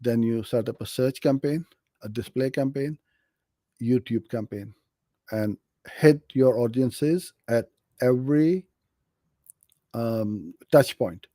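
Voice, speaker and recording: Answering viewers in a live question session about online advertising, a middle-aged man from Pakistan offers practical advice, friendly and direct. He speaks slowly at a medium pitch, pausing often, with a warm tone. The recording is dry.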